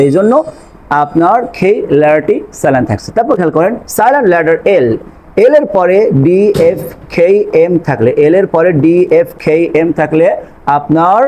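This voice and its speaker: A high-pitched man gives a spoken English lesson. He goes over each point slowly and repeats it, often asking a question and then answering it himself. His tone stays patient and steady. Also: low-quality recording. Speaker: English teacher.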